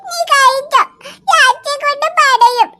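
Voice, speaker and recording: Brief: weepy little cartoon girl, shrill and bright, slow sobbing whine. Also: heavily acted. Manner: sobbing, whiny, pleading. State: crying. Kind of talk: cartoon voice acting.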